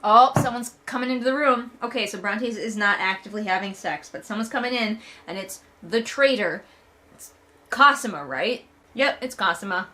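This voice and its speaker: Over soft background music, a woman with a mid-range, pushed and bright voice speaks animatedly at a moderate pace. She gives casual comedic read-along commentary that is sarcastic, emphatic and exasperated, conversational and full of swearing.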